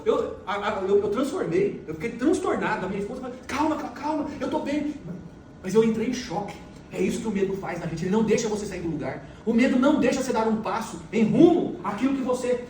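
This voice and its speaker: A man's voice: extremely high pitch, darkish tone. A middle-aged man giving a motivational talk, telling stories emphatically and repeating phrases for force. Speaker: motivational speaker. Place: large echoey event hall. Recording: echoey hall, mic far off, faint noise.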